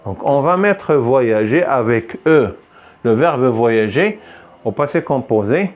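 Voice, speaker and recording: A man's voice: mid-range voice, animated, slow pace, narrow, tinny audio. A man teaching a French lesson in a classroom, patiently repeating phrases for his students to echo back. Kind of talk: classroom lesson with call-and-response drilling.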